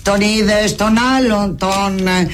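A man's voice: sits high, level tone, background noise. A man delivering a comic political rant in a scornful, mocking manner.

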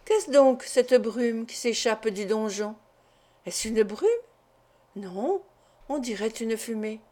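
A woman's voice: a little high, slow pace, warm tone. A woman voicing a superstitious village shepherd in an audiobook, speaking with exclamatory wonder. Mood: uneasy. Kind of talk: audiobook character reading.

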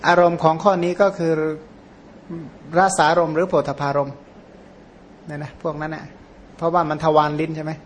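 A monk whose first language is Khmer, giving an informal, rambling Dhamma talk with many fillers and self-corrections. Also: male voice, a little high, slight background noise. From Surin, Thailand. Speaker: Buddhist monk teacher.

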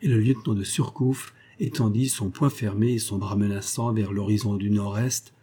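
A man narrating an adventure novel as an audiobook with a measured storytelling delivery. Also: on the low side, fairly even intonation, mellow, slightly rough.

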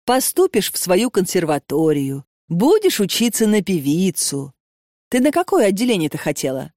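A woman voicing a calm, persuasive old matchmaker woman who speaks gently and patiently. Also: fairly low pitch, normal speed, dry recording, studio quality. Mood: coaxing.

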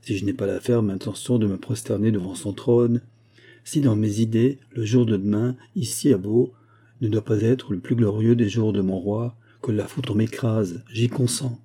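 A sly, composed churchman who speaks in measured, evasive sentences, low and dark in tone, as a man reads him aloud. The husky texture gives the calm lines a quiet weight. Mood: solemn. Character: sly, composed male bishop, hiding a plot. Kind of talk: audiobook character reading.

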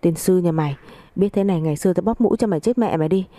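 Woman reading an angry old father, shouting, harsh, low dark voice, dry close sound. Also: very fast, no room sound, natural voice. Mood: angry scolding. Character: furious elderly father-in-law scolding his son.

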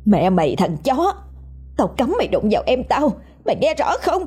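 A desperate young village woman shrieks curses at her attacker, her voice torn hoarse and pushed high, as a woman puts her on. The tone stays husky and breathy, with a dark warmth under the strain. It is a spoken horror story with a faint music bed behind. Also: very animated, moderate pace, exaggerated voice. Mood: enraged. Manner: screaming curses.

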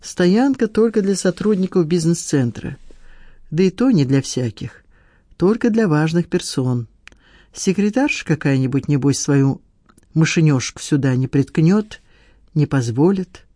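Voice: medium pitch, expressive, unhurried, mellow, no room sound, studio quality. Narrator voicing an aging hippie biker man. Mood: boastful. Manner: casual, teasing banter.

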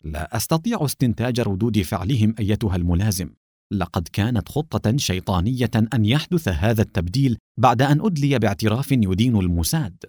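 A man reading aloud, voicing a composed senior male army officer with a measured, regretful manner. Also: fairly low pitch, very animated, darkish tone, no echo, clean studio sound.

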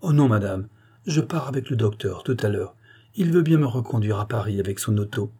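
A man reads the part of a sharp young detective from an old storybook, confident and probing, with a dark, husky tone. He presses each point with calm insistence. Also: on the low side, a little fast. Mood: breezy.

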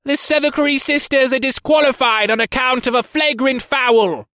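A man booming as a stern gargoyle leader with a metallic voice. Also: normal speed, sharp tone, no room sound, clean studio sound. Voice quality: metallic boom.

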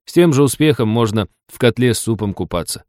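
A man narrating an audiobook in an even, storytelling read. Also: mid-range voice, brisk, dry recording, studio quality. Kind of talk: scripted narration.

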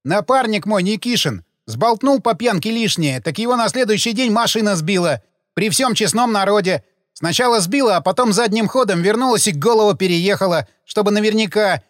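A man's voice: high-pitched, lively intonation, brisk, no room sound, clean studio sound, pitched above the performer's own voice. A man reading an audiobook, voicing a sullen, frightened male cemetery laborer who talks in agitated, defensive, slangy bursts. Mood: defiant.

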